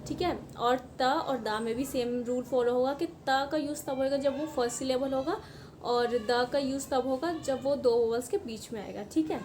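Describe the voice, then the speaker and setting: A woman's voice: high-pitched, darkish tone, slight background noise. A woman teaching pronunciation rules in a patient lesson, often checking in with "okay". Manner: patient, repeats "ठीक है" often. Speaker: language teacher.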